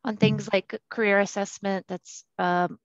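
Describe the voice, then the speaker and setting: A woman working as a college success coach, introducing herself informally and haltingly over a video call. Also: mid-range voice, little pitch movement, dry recording. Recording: slightly dull video-call audio.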